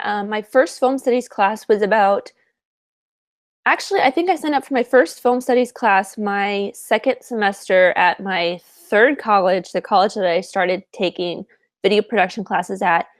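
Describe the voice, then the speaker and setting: Chatting casually on the podcast she co-hosts, a woman in her twenties is talkative, self-deprecating and laughs often. She speaks at a medium pitch with no room sound.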